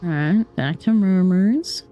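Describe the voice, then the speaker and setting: A woman's voice: on the low side, takes it slowly, highs cut off, faint music behind. A woman giving casual let's play commentary, informally musing aloud as she plays and reads along. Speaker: gaming streamer.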